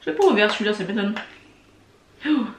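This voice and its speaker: A woman's voice: medium pitch, animated, fairly quick, slight background noise. Chatty woman vlogger in an echoey room. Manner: chatty, addresses viewers, frequent hesitations. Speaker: beauty vlogger. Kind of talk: casual makeup tutorial chat.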